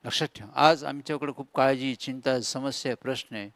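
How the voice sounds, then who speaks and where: A man's voice: mid-range voice, brisk, fairly bright tone, no room sound. A middle-aged man, a pastor preaching a sermon in an emphatic, repetitive style with lists and calls to listeners. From India.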